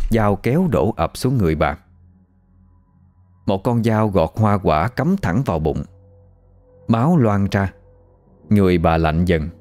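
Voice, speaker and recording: A man narrating a scripted ghost story in an expressive storytelling manner. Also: fairly low pitch.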